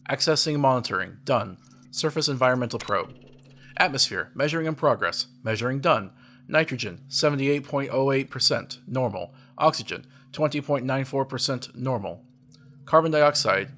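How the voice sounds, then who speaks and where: A man voicing a shelter computer terminal as it boots up, reading status lines in a flat, machine-like way. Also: mid-range voice, lightly acted. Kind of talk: video game terminal voice.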